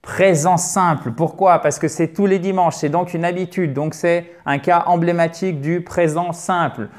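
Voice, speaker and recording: A French man teaching English pronunciation on camera in a lively, emphatic way, drilling words by repeating them. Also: a little high, normal speed. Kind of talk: video lesson. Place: indoor filming set with a spotlight. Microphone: camera mic, moves around in frame.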